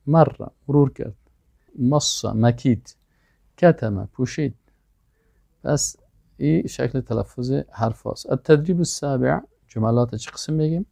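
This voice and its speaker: A man teaching a language lesson, sounding out example words slowly and deliberately. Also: mid-range voice, creaky, dark tone, dry recording. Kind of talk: language lesson, explaining exercises.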